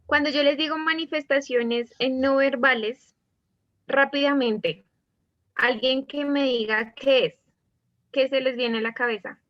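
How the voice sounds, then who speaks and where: A woman with a Colombian accent teaching a class online. Her voice sits fairly high as she keeps putting questions to her students and acts out different tones. The audio is dull, dry and lo-fi, like a video call. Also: steady tone, unhurried, no room sound. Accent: Colombian Spanish. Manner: asks students many questions, demonstrates tones of voice.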